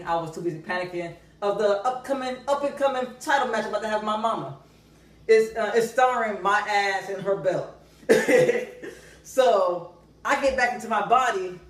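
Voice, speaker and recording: Young man, comic storyteller, high voice, roomy echo, heard from a distance. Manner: animated, acts out characters' voices. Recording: echoey room, from a distance.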